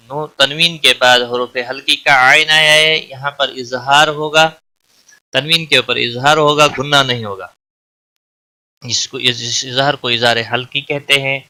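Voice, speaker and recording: A man teaching Quran recitation rules in a recorded lesson, explaining each letter and then reciting it slowly and drawn out. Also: mid-range voice, pushed and bright.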